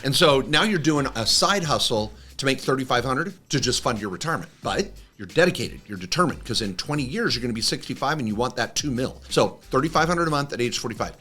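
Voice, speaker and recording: A man's voice: mid-range voice, lively intonation, quick pace, hardly any pauses, sharp tone. A man co-hosting a casual financial chat, walking through numbers step by step in an upbeat way. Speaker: co-host.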